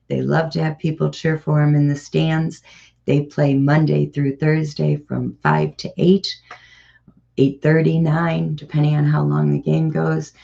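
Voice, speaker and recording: A local show host with an American accent and a heavily creaky smoker's rasp chats through community announcements. The delivery is informal, rambling and encouraging, at a middling pitch. The recording is dull and muffled. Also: mellow. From Ohio, United States. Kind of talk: casual community announcements monologue.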